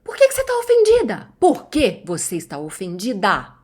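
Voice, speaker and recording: An angry young boyfriend barks short demands, put on by a woman telling the story. The voice is pitched up and pushed loud, clipped and impatient. It stays a quick imitation more than a full character. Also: expressive. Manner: demanding, curt.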